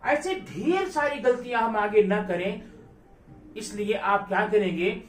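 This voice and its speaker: A high-voiced man teaches a grammar lesson at a measured pace, repeatedly asking his students questions and going back over key words. The recording picks him up from a distance in an echoey room.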